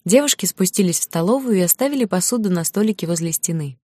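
A woman with a fairly low voice reads a fantasy novel aloud, giving the girls' lines a light touch. The sound is close and dry, with no room around it. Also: lively intonation, fast talker, a little mellow, no room sound. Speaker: audiobook narrator. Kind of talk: scripted narration.

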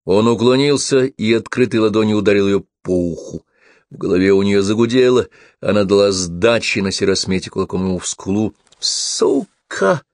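A man narrating an audiobook in a steady, measured reading. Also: lowish voice, no room sound, studio quality.

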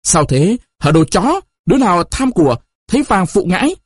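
Storybook read-aloud: narrator voicing a furious young lover spitting accusations, clipped and harsh. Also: male voice, high voice, big pitch swings, normal speed, breathy edge, no room sound, studio quality, pitched above the performer's own voice, full character voice. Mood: accusing. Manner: harsh, clipped, through gritted teeth.

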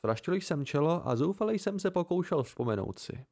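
A man's voice: a little high, lively intonation, dark tone. A man reading a novel aloud as an amateur audiobook narrator, giving the characters small shifts of voice. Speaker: audiobook reader.

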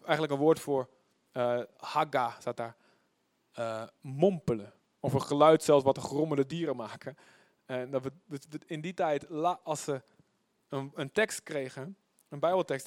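Preaching with emphasis, a man repeats words for effect and alternates between loud bursts and soft, drawn-out lines. His pitch is fairly high, and the studio-quality recording carries no echo.

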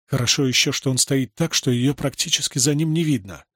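A man reading a story aloud as narrator, in a measured, dramatic way. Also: medium pitch, a bit bright, no room sound, studio quality. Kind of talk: audiobook reading.

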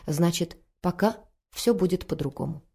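A woman reading aloud and voicing a tired husband who speaks quietly and hesitantly. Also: fairly low pitch, moderate pace, gravelly, slightly rough. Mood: weary. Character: weary middle-aged husband, tired and guilt-ridden. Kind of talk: audiobook reading.

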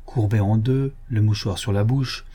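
A man reading a novel aloud as a first-person audiobook narration, telling it in a steady, expressive way. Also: lowish voice, unhurried. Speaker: audiobook reader.

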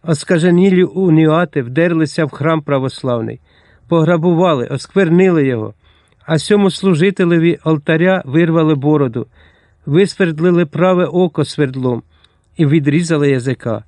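A man's voice: a little high, normal speed, darkish tone, no echo, studio quality, lightly acted. A man voicing an elderly abbot who speaks solemnly, like a preacher. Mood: preaching.

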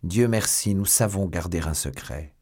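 A man's voice: low-pitched, normal speed, a little mellow. A man voicing a proud, loyal noble musketeer who speaks in a firm, dignified way in a storybook reading.

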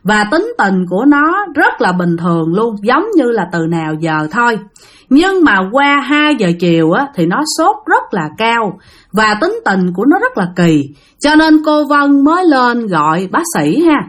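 Lively Southern Vietnamese woman storyteller. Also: on the high side, unhurried. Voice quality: chatty, speaks directly to listeners. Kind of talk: spoken ghost-story narration.

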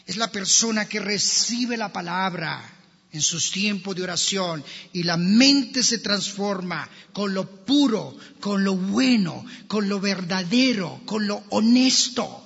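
A man's voice: high voice, expressive, slow, gravelly, a bit bright, husky. A male pastor preaching a sermon in a church, emphatically addressing his congregation. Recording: long church reverb, dull lo-fi sound.

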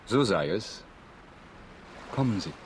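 An actor playing a grave, courteous, mysterious count in a German radio drama, speaking formally and with measured solemnity. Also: male voice, lowish voice, lively intonation, a little hiss or hum. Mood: calm, courteous. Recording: music behind the voice.

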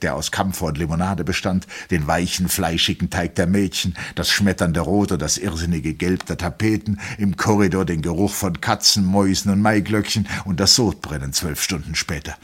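Male narrator for a literary novel reading, calm and even, deep voice with a husky edge. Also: a little fast, hardly any pauses.

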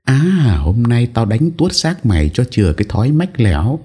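A man raising his pitch to play a cruel, spiteful second wife in a storybook reading. She sneers and snaps harshly, and her voice has a husky edge as it swings up and down. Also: very animated, normal speed, mellow.

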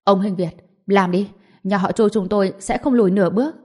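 A badly hurt old clan patriarch in a storybook, voiced by a woman, stern and unbending. He speaks in quick, firm bursts over a mellow, warm tone. There is no give in him. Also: medium pitch, slightly rough, lightly acted. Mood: stern defiant. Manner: stern, defiant. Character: wounded defiant old male clan grandfather.

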